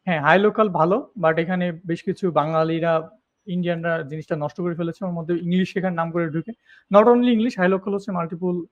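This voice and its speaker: A male host with a fairly high voice chats casually, pausing and filling gaps as he goes. The recording sounds a bit dull and lo-fi. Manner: hesitant, many fillers. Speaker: podcast host. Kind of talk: casual interview chat.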